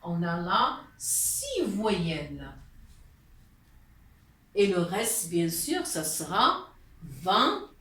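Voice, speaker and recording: A woman's voice: lowish voice, sing-song, drawn-out words, pauses often, fairly bright tone. A woman teaching a class, explaining letters patiently with frequent hesitations and repetitions. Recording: echoey room.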